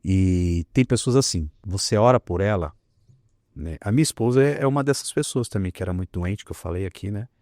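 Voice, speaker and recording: A man, a pastor telling a healing story in an animated, emphatic way. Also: low-pitched, brisk, no room sound, studio quality. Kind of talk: testimony in a conversation.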